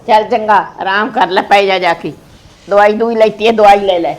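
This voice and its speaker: A woman playing a sharp old grandmother. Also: mid-range voice, steady tone, moderate pace, close to an everyday voice. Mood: soothing. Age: older. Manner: scolding, then soothing.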